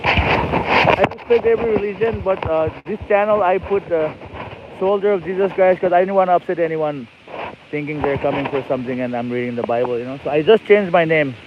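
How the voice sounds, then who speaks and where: On a casual phone livestream, a Nepali man rides his e-bike outdoors and rambles cheerfully to viewers. His delivery is brisk and his voice fairly high. The stream sounds lo-fi, with loud noise from outside.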